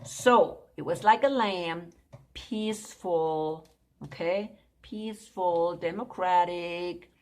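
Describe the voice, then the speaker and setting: A woman's voice: lowish voice, slow pace, a little mellow. A woman giving an informal Bible prophecy lesson, talking conversationally, repeating her points and checking in with "okay?". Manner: conversational, keeps asking "okay?".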